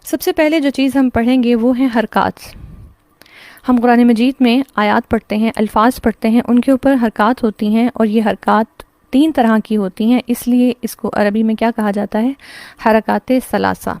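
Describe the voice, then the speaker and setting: A woman with a Pakistani Urdu accent gives an online lesson in a fairly high voice. She explains patiently, step by step, posing questions and answering them herself. The sound is dry and close. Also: fairly even intonation, a little mellow, no echo. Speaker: Quran recitation teacher. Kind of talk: online class lecture.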